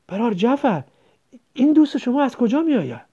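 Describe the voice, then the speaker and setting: Narrator playing an earnest, emotional pregnant village wife, raised pitch, mellow tone, lo-fi audiobook. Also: big pitch swings, husky. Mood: puzzled. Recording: dull lo-fi recording.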